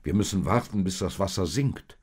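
A man's voice: low voice, expressive, moderate pace, darkish tone, slightly rough. A man voicing Josef, a careful and worried grown man, in a read-aloud storybook, only a little raised from his own voice.

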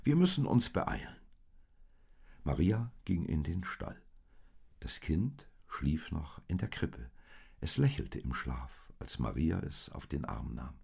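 A man narrating a storybook in an expressive, dramatic reading. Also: a bass voice, slow, gravelly, slightly rough.

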